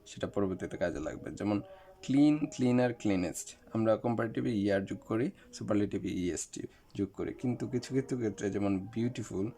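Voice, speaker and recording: A man's voice: lowish voice, brisk, mellow. A man teaching an English lesson, explaining step by step and speaking straight to his viewers. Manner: explanatory, with fillers, addresses viewers directly.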